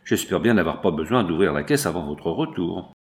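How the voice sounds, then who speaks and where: Deferential clerk, read by a man; polite, gravelly. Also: low-pitched, sing-song, fairly quick, voice pushed down. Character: dutiful male cashier, polite clerk.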